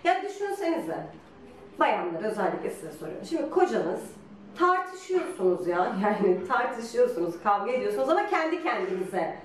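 Animated woman in a roomy echo. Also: mid-range voice, moderate pace, distant mic, slight background noise. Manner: animated, teasing, laughs often. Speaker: guest telling her couple's story. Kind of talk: lively casual storytelling.

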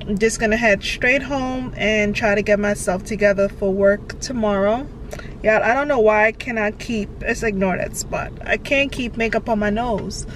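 A woman vlogger talks straight to her viewers in a loose, informal way as she records her day on a handheld phone. Her voice sits at an ordinary middle pitch, and her delivery stays easy and conversational. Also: normal speed, a little hiss or hum. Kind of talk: casual day-in-the-life vlog chat.

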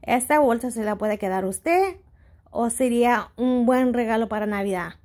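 A woman's voice: fairly high pitch, lively intonation, normal speed, darkish tone. A woman in her Spanish, hosting a casual step-by-step tutorial, a little hesitant and mixing in English words. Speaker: host of a shopping tutorial channel.

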